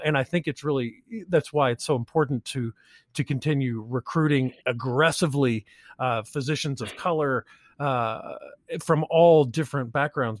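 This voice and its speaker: Animated man telling stories, dry sound. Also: mid-range voice, no room sound. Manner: animated storyteller, jokey asides. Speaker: emergency physician. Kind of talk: conversational podcast interview.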